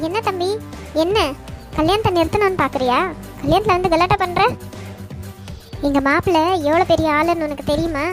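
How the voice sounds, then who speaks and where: A woman's voice: very high-pitched, brisk, long pauses, music in the background. A woman voicing a scheming aunt in a Tamil cartoon, talking in a bossy, scolding way.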